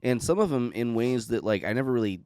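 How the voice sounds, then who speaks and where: A man's voice: medium pitch, expressive, fast talker, darkish tone, no echo, studio quality. A man co-hosting a casual podcast, with jokey, teasing asides. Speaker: podcast co-host.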